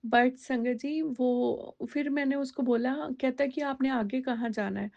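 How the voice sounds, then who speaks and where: A woman's voice: high voice, steady tone, unhurried, gravelly, darkish tone, muffled recording. A woman telling a personal devotional testimony in a conversational way, slipping English words into her talk with many fillers.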